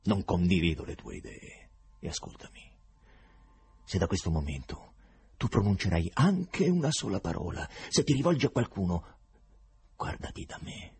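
A man voicing an imperious, tormented Roman procurator who roars furious commands and then mutters bitterly, in a husky voice. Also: on the low side, wildly swooping pitch, moderate pace, a little mellow, dry recording, full character voice. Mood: bitter, menacing.

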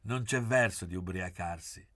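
A man reading aloud and voicing an eager, animated young doctor. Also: low-pitched, moderate pace, dry recording, studio quality.

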